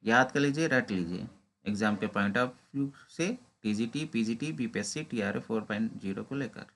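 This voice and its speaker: With a fairly low, slightly bright voice, this Indian-accented man teaches exam prep. He reads each English question slowly and then explains it in Hindi.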